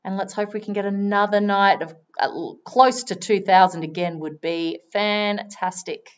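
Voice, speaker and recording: A woman giving chatty live commentary on a wildlife stream, now and then breaking into excited exclamations. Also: medium pitch, moderate pace, smooth, lo-fi sound.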